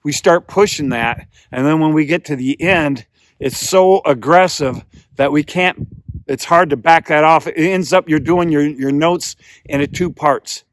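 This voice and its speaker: Male instructor for a beginner how-to, voice a bit high, patient step-by-step explaining with repetition, dry recording. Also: a little slow, no room sound. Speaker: goose calling instructor. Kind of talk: hands-on beginner tutorial, explaining and demonstrating.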